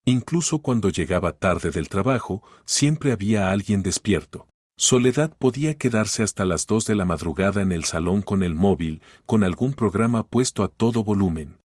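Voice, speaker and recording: A man narrating a scripted story in a steady, even storytelling manner. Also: on the low side, moderate pace, no room sound, clean studio sound.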